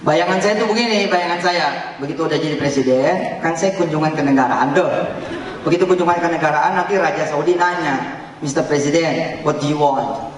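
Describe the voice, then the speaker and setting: A man preaching a lively, jokey sermon, mixing in English and Arabic phrases and chanting sounds. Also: fairly high pitch, fairly quick, noisy background. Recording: echoey hall recording, mic far off.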